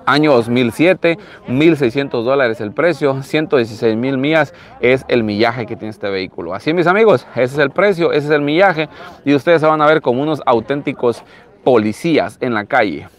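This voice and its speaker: A man's voice: mid-range voice, lively intonation, moderate pace. A man in his thirties with a Latin American Spanish accent, hosting a casual live vlog in a chatty, repetitive way, talking outdoors into a handheld phone. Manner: chatty, repeats phrases. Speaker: live-stream host. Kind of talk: casual live vlog commentary, showing used cars. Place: outdoors in an open car lot. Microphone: handheld phone at arm's length.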